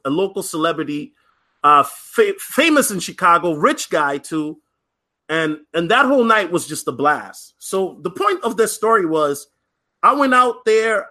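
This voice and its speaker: Man, casual podcast storytelling, high voice, bright tone, chatty with fillers. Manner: chatty, many fillers and restarts, frequent "right?"; lively, acts out other people's lines. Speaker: podcast host.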